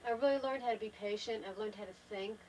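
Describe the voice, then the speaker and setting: A woman's voice: mid-range voice, fast talker, darkish tone, distant mic, slight background noise, rough recording. An older woman in a travel trailer, talking thoughtfully and unhurriedly to a home video camera, often trailing off and restarting her sentences. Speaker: wife in a family home video. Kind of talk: casual reflective talk to camera.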